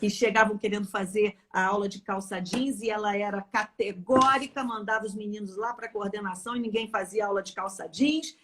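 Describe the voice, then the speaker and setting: A woman's voice: mid-range voice, fairly even intonation, a little fast, few pauses, background noise. A woman, a former school teacher talking on a casual live chat, emphatic and full of stories.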